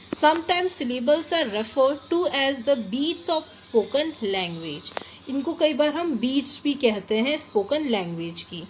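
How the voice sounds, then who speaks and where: A woman with an Indian English accent teaching a grammar lesson, explaining slowly in English, then quickly in Hindi, and stressing each example word. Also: high voice, slight background noise. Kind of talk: classroom lesson.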